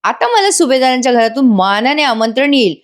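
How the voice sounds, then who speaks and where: A woman's voice: sits high, very animated, a little fast, pitched above the performer's own voice. A woman voicing a smug young man who wheedles and sweet-talks his girlfriend. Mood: wheedling. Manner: wheedling, pleading.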